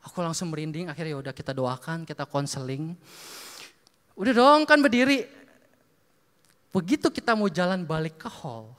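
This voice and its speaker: A male preacher telling stories in a sermon, lively, acting out dialogue and laughing often. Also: on the high side, normal speed, long pauses. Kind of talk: sermon storytelling. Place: church hall. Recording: long reverb of a church hall.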